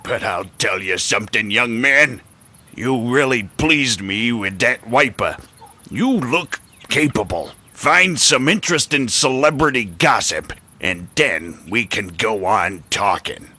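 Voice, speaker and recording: A man voicing a grumpy, fussy old male studio clerk in a game, excitable and prone to shouting, with a husky voice. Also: mid-range voice, slow, full character voice. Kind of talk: game voice acting.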